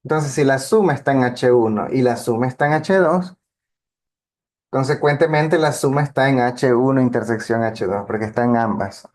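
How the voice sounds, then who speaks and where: A man's voice: mid-range voice, fairly even intonation, normal speed, darkish tone. Patient man explaining math step by step. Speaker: math teacher. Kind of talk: lecture on linear algebra.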